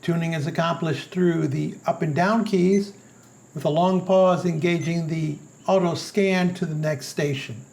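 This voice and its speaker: In a scripted product review, a man with a voice high for a male and a distinctly creaky, gravelly edge walks the listener through the product. He narrates at a measured pace, sounding a little mellow.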